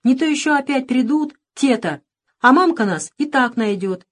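A stubborn little village boy from a storybook who tries to sound gruff and grown-up, as a woman reader puts him on. The voice sits higher than her plain reading and stays insistent. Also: animated, normal speed. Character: small boy hiding in a stove, stubborn.

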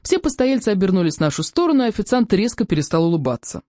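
A reader narrating a children's book in a lively storytelling manner. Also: mid-range voice, fast talker, dry recording, clean studio sound. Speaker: audiobook reader.

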